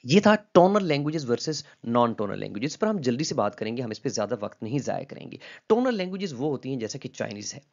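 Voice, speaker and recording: Male lecturer, mid-pitched, patient and repetitive, lo-fi audio. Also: sing-song, quick pace, gravelly, few pauses, a little mellow. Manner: patient, repeats key terms, checks in with "ठीक है?"; mixes English terms into Hindi-Urdu speech. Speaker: linguistics lecturer. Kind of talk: explanatory lecture. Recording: slightly dull lo-fi audio.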